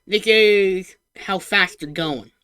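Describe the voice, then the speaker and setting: A woman VTuber giving casual live reaction commentary in a cute anime-streamer manner, excitable and informal, swearing and thinking out loud. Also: mid-range voice, slow, smooth.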